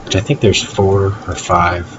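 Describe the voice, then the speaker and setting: Low-voiced man over loud game music. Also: level tone, unhurried, dull audio. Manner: offhand, hesitant, thinking aloud. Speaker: game walkthrough presenter. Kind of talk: casual gameplay commentary. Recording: loud game audio behind voice. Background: loud music and game sounds.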